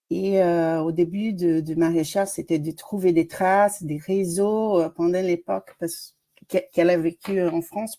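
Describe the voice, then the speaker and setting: A woman's voice: lowish voice, mellow. A woman from Brazil, a doctoral student with a Brazilian accent and Portuguese as her first language, presenting her research in a webinar over a video call, hesitant with many fillers.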